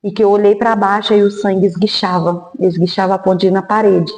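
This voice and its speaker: A woman with a dark, mellow voice tells a painful personal story in earnest. She is a podcast guest who acts out the lines of people in her memory. The sound is roomy, with a long echo like a hall. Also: medium pitch, little pitch movement, fairly quick. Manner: earnest, acts out remembered dialogue. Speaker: guest sharing a testimony. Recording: echoey hall.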